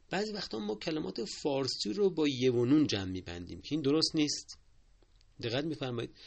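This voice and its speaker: A man's voice: medium pitch, vocal fry, breathy edge. A man giving a spoken lesson on correct word usage, patient and explanatory, often repeating his points and asking listeners to take careful note. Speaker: Persian language teacher.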